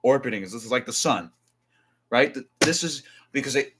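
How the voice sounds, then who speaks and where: A man's voice: medium pitch, lively intonation, moderate pace, noisy background. A man from New Jersey chatting casually on a live stream, rambling with restarts and asides while reading definitions aloud.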